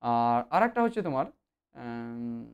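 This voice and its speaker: Grammar teacher for a kids' lesson; lively, sing-song delivery, fillers, repeats points. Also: mid-range voice, a little slow, clean tone, lo-fi sound. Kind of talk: explanatory online lesson.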